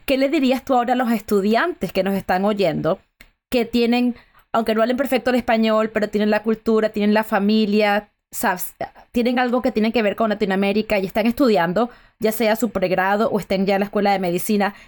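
A woman's voice: medium pitch, steady tone, a little fast, a little mellow. A woman hosting a podcast interview, asking questions in an enthusiastic, affectionate way. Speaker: podcast host.

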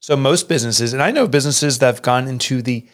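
Speaking quickly, a middle-aged man who is an author and entrepreneur shares a personal story during an interview. He sounds earnest and emotional, and his pitch leaps upward when he quotes others.

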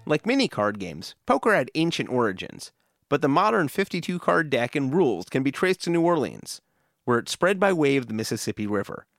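A man narrates a scripted documentary podcast. His pitch is mid-range but moves around in an animated way, and the sound is dry and close. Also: brisk, dry recording.

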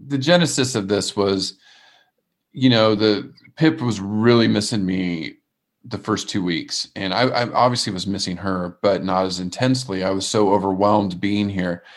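Male co-host, lowish voice, earnest confessional chat, open and a bit rambling. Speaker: podcast co-host. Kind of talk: casual reflective chat. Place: remote call from abroad.

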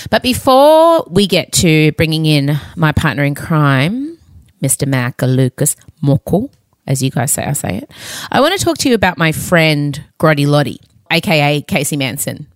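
A woman's voice: low-pitched, no echo. An Australian woman hosting a podcast in a casual, candid chat, cheeky and effusive. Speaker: podcast host. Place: home, close dry recording.

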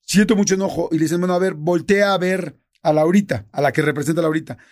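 A man's voice: a little high, fast talker. A middle-aged man with a Mexican accent, casually telling a story on a podcast and acting out the dialogue. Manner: animated, acts out quoted dialogue in many voices. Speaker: podcast co-host.

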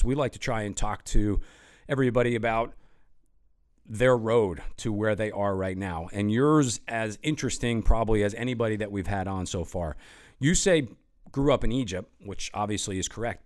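A man's voice: on the low side, a little mellow. A man hosting a sports podcast, asking long, conversational questions with many restarts. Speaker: podcast host. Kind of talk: casual interview questions.

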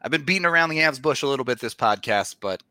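A man's voice: medium pitch, lively intonation, quick pace, sharp tone, no room sound. A man hosting a sports podcast, talking casually and reading sponsor spots himself. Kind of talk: casual sports podcast talk with host-read ads.

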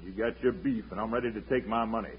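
An American actor playing a gruff, greedy, blustering cattle rustler in an old radio western. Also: male voice, lowish voice, steady tone, quick pace, natural voice. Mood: pushy, boastful. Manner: rough frontier grammar, blustering. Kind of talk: 1950s radio western acting. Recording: dull, very noisy vintage radio recording.

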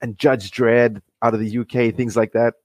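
A man in his forties from Fiji, a comic creator talking as a podcast guest, friendly and halting with many restarts. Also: mid-range voice, little pitch movement, darkish tone, no echo. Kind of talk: casual interview.

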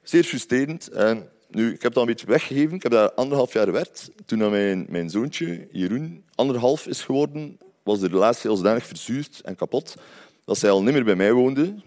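A man's voice: mid-range voice, expressive, brisk, a little mellow. Flemish man telling his life story. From Belgium. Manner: conversational, often adds tag questions. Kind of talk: personal storytelling.

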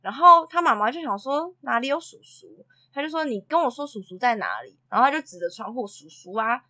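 A woman tells anecdotes in a casual chat. Her voice sits a little high and swoops a lot as she acts out the quotes. She laughs often between lines. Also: sing-song, a little fast, pushed and bright. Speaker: preschool teacher and podcast co-host.

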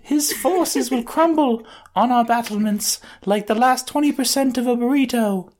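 A man voicing a timid, fawning male advisor to a demon general in a tabletop game, with a high, fluttery, simpering manner. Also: normal speed, a little mellow.

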